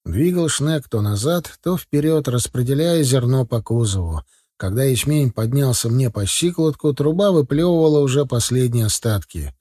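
A man reads a novel aloud in the first person with steady storytelling pace. His voice is husky and mellow-dark, recorded close and dry with no room sound. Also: medium pitch, normal speed, no room sound. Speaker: audiobook narrator. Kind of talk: scripted audiobook narration.

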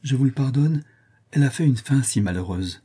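A tender young wife, soft and consoling as she speaks of love. A man reads her in his own low, husky voice, with a warm, mellow tone. It comes from a storybook reading. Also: lively intonation, a little fast.

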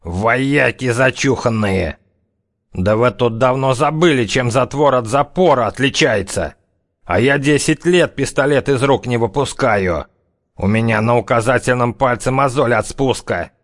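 A man voicing a cocky, menacing gangster who threatens in slow, drawling criminal slang. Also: mid-range voice, voice pushed up, lightly acted. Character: tough one-eyed-gouging gangster, cocky, menacing.

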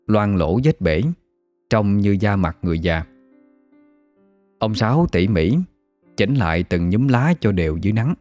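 A man, narrating a ghost story in a steady, measured way. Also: lowish voice, no room sound.

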